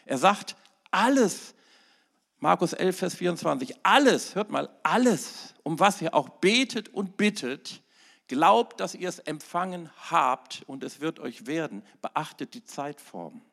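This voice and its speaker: A middle-aged man delivers a sermon as pastor. His voice sits a little high and carries a gravelly edge. He hammers single words at full force, then drops to near-hushed asides. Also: lively intonation, unhurried, hardly any pauses. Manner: emphatic preaching with sudden loud peaks and quiet asides.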